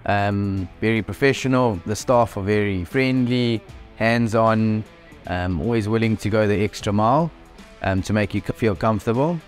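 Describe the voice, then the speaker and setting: A South African man in his thirties giving an unhurried, restart-filled testimonial interview in a bright clinic lounge on a lapel mic. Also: fairly low pitch, faint music behind. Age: 30s. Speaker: clinic patient.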